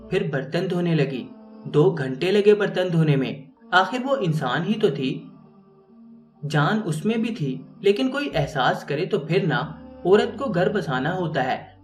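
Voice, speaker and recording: A man's voice: high voice, a little mellow. A man narrating a moral story in an earnest, moralizing way. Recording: roomy, distant mic, faint music.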